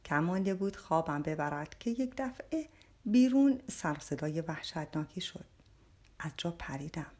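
A woman's voice: sits low, animated, warm tone. A woman narrating an audiobook in the first person, telling the story expressively.

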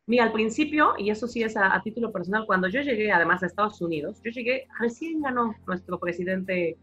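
A Mexican woman with a Mexican accent, an academic guest explaining her views in a lively conversational interview. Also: mid-range voice, brisk, husky, lo-fi sound, soft background music. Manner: animated explainer, acting out quoted voices.

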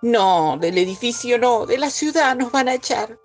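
A woman's voice: a little high, expressive, moderate pace, faint music behind. A woman playing an exasperated, scolding mother with a Rioplatense accent. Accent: Rioplatense Spanish. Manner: stern, exasperated.

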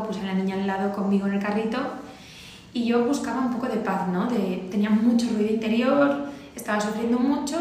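A woman in her thirties from Valencia telling her story as a podcast guest, animated and acting out the dialogue she quotes. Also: medium pitch. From Valencia, Spain. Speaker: guest, charity founder. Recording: very echoey room, faint ambient noise.

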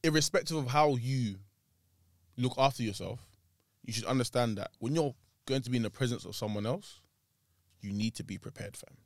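A man's voice: mid-range voice, moderate pace, no echo, clean studio sound. A young man with a London accent gives blunt opinions in casual, slangy podcast banter. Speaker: podcast host.

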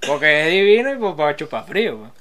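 A man with a Venezuelan accent, co-hosting a casual podcast, joking and swearing freely between quick laughs. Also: on the high side, big pitch swings, heavy background noise. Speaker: podcast co-host. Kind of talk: casual banter.

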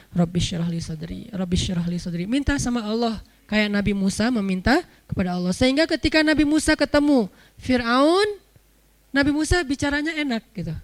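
Casual: high-voiced preacher guy, jokey chatty sermon. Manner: joking, chatty, chants Arabic verses slowly.

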